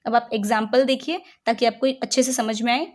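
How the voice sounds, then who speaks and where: A woman teaching English grammar in Hindi. She reads each rule slowly in English, then explains it in Hindi with rhetorical check-in questions. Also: on the high side, steady tone. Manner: patient, checks understanding with frequent rhetorical questions.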